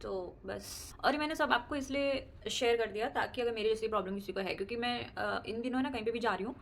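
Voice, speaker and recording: A woman's voice: on the high side, brisk, gravelly, a bit bright, slight background noise. A young adult woman vlogger chatting casually to camera about her daily life, laughing often and mixing in English words. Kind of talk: casual personal chat to camera.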